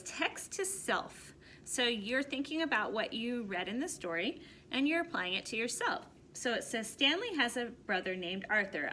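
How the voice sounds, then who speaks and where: A woman teacher reads a storybook aloud to young children and gives them simple directions, all in an expressive way. Her voice is mid-range, with a little hiss or hum in the recording.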